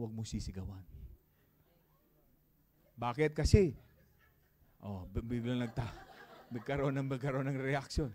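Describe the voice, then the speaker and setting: A man preaching a sermon as pastor of a church, calling out to the congregation and shouting praise. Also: mid-range voice. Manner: preaching with call-and-response and shouts.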